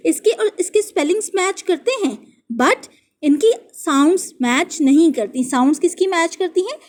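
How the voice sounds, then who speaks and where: A woman teaching English spelling, who slowly repeats each word and spells it out letter by letter. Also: extremely high pitch, lively intonation, a little mellow. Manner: reads English verse lines slowly and deliberately. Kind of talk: classroom lesson explaining English spelling in Hindi.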